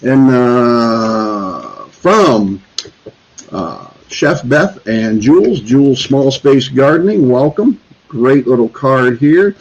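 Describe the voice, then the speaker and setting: A man's voice: mid-range voice, expressive, slow. A man hosting a homesteading livestream, chatting casually with lots of fillers and restarts while reading out holiday cards. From Northeast Florida. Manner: rambling, many fillers and restarts. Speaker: homesteading channel host. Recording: slightly dull lo-fi sound.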